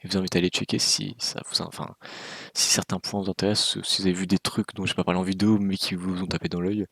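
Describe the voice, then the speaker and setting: A man's voice: low voice, level tone, fast talker, gravelly, fairly bright tone, breathy edge, no room sound. A man giving casual, opinionated game news commentary with a wry, candid manner, speaking close to the microphone. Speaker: gaming video creator.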